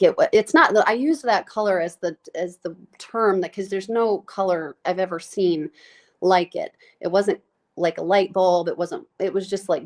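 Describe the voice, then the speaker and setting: A woman telling a deeply personal story as a podcast guest. She talks in a heartfelt, halting way with many fillers and is close to tears, her voice breaking. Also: darkish tone. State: tearful, voice breaking. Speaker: nurse practitioner guest.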